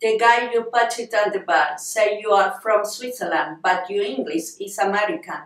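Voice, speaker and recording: In a film audition, an Argentine actress in her late thirties with a Spanish accent plays a stern, armed female Israeli agent interrogating a suspect. She is curt, commanding and threatening, though only lightly acted, with a mid-range, fairly bright voice at a moderate pace. It was recorded in a small bare room by a camera a few feet away, so it sounds echoey and distant.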